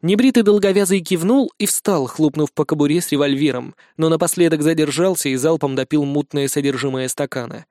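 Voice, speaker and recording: A man's voice: on the high side, brisk, few pauses, darkish tone, dry recording, clean studio sound. A man narrating an audiobook in a wry storytelling manner. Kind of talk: scripted narration.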